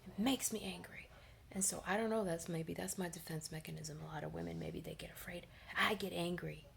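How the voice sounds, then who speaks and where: A young woman in her twenties tells a personal story in a casual vlog, her lowish voice carrying a gravelly rasp. She rambles and often sinks into a hushed whisper, and a faint hiss sits under the recording. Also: brisk. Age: 20s. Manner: animated, rambling, frequent fillers like "you know"; drops often into a low whisper. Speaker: vlogger.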